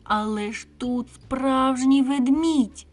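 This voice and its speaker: A woman puts on a little storybook fox girl for a bedtime tale. She sounds raised and bright in pitch, earnest, pleading with her friends, and speaks slowly. Soft music plays faintly behind her. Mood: urgent. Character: small quiet young female fox, gentle but worried.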